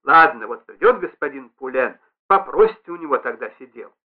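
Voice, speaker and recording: A man's voice: mid-range voice, expressive, brisk, close to an everyday voice. A man reading aloud and voicing a stout, fussy middle-aged concierge woman who talks in a wheedling, reproachful, effusive way. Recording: tinny band-limited radio broadcast.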